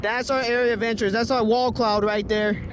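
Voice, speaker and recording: A man giving excited, urgent live storm-chase commentary into a phone, repeating his exclamations and often saying dude. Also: very high-pitched, brisk. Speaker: storm chaser filming a vlog. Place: roadside and in a car during a storm. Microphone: handheld phone close to the face. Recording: windy phone recording with music behind.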